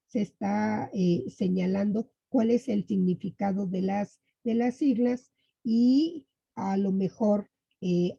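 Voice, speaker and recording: Mexican woman teacher, dark husky voice, slow halting delivery full of restarts, dull lo-fi recording. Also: fairly low pitch, no echo. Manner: halting, many fillers and restarts. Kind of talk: online class lesson. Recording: dull lo-fi sound.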